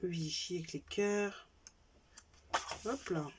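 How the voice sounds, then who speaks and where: A woman's voice: lowish voice, slow, noisy background. Chatty French woman showing craft buys. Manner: chatty, self-correcting, lists items one by one. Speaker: craft vlogger showing purchases. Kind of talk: casual show-and-tell haul.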